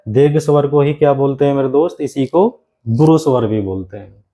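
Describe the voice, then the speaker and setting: A man with a mellow, warm voice teaching grammar to exam candidates. He talks at a middling pitch and slows right down to repeat each phrase for dictation. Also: poor audio. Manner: repeats key phrases slowly for dictation, keeps calling the class "my friend". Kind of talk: exam-prep classroom lesson.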